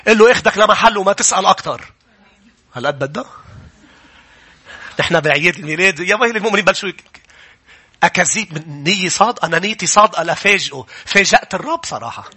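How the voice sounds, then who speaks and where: Male pastor, Lebanese Arabic accent, rapid preaching, high-pitched, questions the congregation. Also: husky. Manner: animated preaching, quoting scripture, asking the congregation questions; rises to loud urgent preaching. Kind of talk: sermon. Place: church before a congregation.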